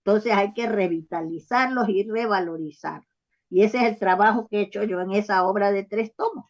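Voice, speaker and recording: A woman's voice: mid-range voice, brisk. Woman guest rambling on and on, keeps going "you know?", muffled lo-fi sound. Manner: rambling, often checks in with "¿sabes?" and "¿ah?"; frequent false starts and hesitations. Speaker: author interviewed as guest. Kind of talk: long explanatory interview answers. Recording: dull lo-fi recording.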